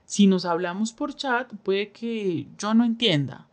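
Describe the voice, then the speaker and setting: A woman interprets a signed interview aloud, speaking in the first person for the signer. Her voice sits at an ordinary middle pitch. She keeps a measured, steady pace with short pauses between phrases. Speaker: sign language voice interpreter.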